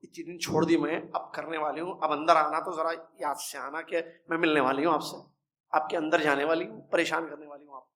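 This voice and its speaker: A man's voice: fairly high pitch, little pitch movement, fairly bright tone, lightly acted. A man voicing a female jinn warning she is about to possess someone. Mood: taunting. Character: female jinn, menacing and taunting.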